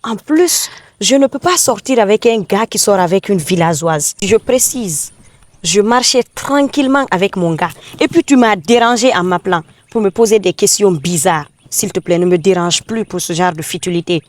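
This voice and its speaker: A woman's voice: medium pitch, animated, moderate pace, no echo, close to an everyday voice. A woman playing a haughty girlfriend who scorns a village woman and makes demands of her boyfriend, in a comedy film.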